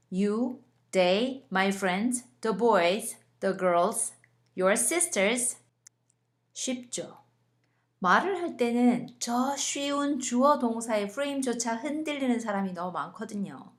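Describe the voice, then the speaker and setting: A young woman with a somewhat high voice narrates a scripted English lesson. She speaks clearly and deliberately, slowing down and drawing out example words as she coaches how each sound is made. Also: lively intonation. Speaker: English teacher.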